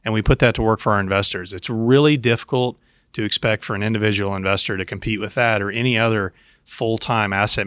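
A man with a fairly low voice hosts a podcast in an explanatory style. He addresses his listeners directly, and the sound is dry and close. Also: sharp tone, no room sound. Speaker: podcast host and investment professional. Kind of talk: podcast talk giving investment advice.

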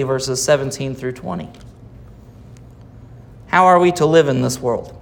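American man preaching with dramatic pauses. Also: on the high side, fairly bright tone. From United States. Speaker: pastor. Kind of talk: sermon.

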